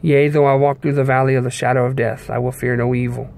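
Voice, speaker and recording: Speaking in a medium-pitched, darkish voice with a level tone, a young man preaches an informal devotional sermon, earnest and measured, with pauses between short phrases. A phone at arm's length captures him inside a car, where background noise is clearly audible.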